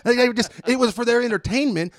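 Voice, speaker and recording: A man hosting a casual podcast, telling stories in an animated way and swearing now and then. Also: very high-pitched, fast talker, dry recording, studio quality.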